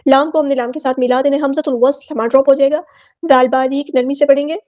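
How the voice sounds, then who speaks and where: A woman teaching tajweed, explaining letters slowly and repeating single sounds and words as models. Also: high voice, fairly even intonation, dark tone, highs cut off. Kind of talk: tajweed lesson, explaining word by word.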